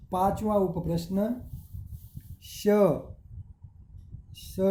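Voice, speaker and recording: A man teaching a grammar lesson, reading words one at a time and slowly explaining pronunciation. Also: fairly high pitch, mellow, slight background noise. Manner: slow, deliberate word-by-word reading with explanations. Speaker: school teacher. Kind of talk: recorded Hindi grammar lesson. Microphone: screen recording with device mic.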